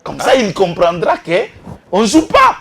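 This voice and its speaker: Impassioned man, lively pitch. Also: unhurried, gravelly, a crowd in the background. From Congo-Kinshasa. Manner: impassioned, switches between French and Lingala, rises to outbursts. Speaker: political guest. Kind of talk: heated political talk show.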